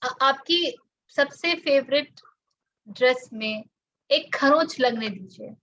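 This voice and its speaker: A woman's voice: sits high, slow pace, fairly bright tone. A woman with an Indian accent giving a reflective spiritual talk, mixing Hindi and English and drawing out her English phrases. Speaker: spiritual teacher. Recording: dull lo-fi audio.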